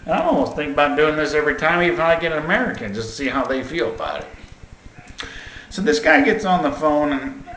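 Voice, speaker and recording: A man telling an exasperated, animated story in a casual vlog rant. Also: on the high side, fast. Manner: exasperated, animated, laughing at his own story. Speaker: vlogger. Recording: roomy echo, faint noise.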